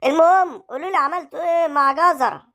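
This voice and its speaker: A woman's voice: high-pitched, very fast, fairly bright tone, pitched above the performer's own voice. A woman with an Egyptian accent voicing a boastful, commanding older male neighborhood boss in a cartoon comedy. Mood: hearty. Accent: Egyptian Arabic.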